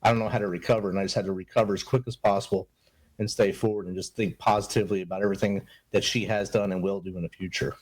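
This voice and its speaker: A man's voice: low-pitched, fairly even intonation, very fast, breathy edge. A middle-aged man, a podcast guest, speaking in an earnest, upbeat and motivational way in a casual interview. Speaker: podcast guest, Army veteran and mentor.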